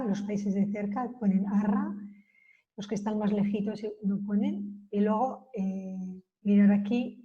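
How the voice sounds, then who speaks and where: A woman teaching a beginner Basque lesson in Spanish, slowly spelling out and repeating example phrases. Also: medium pitch, mellow, highs cut off. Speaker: language teacher.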